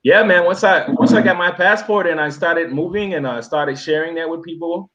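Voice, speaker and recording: Guesting on an interview, a Miami-born travel YouTuber spins a loose, meandering story packed with fillers and false starts. He talks at normal speed in a somewhat high, slightly bright voice, with the highs cut off.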